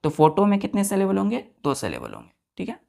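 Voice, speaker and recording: Gravelly male English teacher quizzing students. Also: sits high, huge pitch swings, fast, a little mellow. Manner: repeats words and quizzes the class often. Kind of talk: classroom lesson in spoken Hindi.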